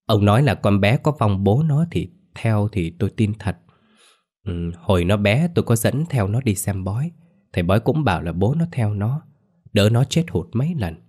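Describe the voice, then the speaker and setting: A man's voice: on the low side, a little mellow. A man voicing a grieving middle-aged mother who pleads and wails for her lost son. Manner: wailing, pleading.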